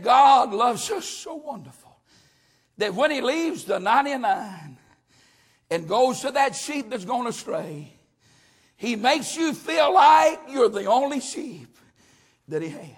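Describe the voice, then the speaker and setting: A man preaching a sermon with a hollering preaching cadence and a gravelly voice. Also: extremely high pitch.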